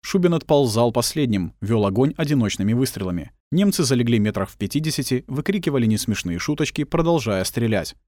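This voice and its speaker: A man's voice: medium pitch, expressive, brisk, few pauses, a little mellow, no echo, clean studio sound. A man reading a war novel aloud as scripted audiobook narration.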